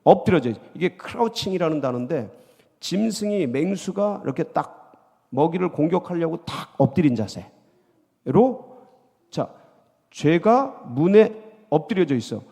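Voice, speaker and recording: A man's voice: fairly high pitch, a little slow, gravelly, long pauses, slightly rough. A male pastor preaching a midweek sermon, acting out scenes and drawing replies from the congregation. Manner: lively, acts out dialogue, calls for congregation responses. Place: church sanctuary. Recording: long reverb of a church sanctuary.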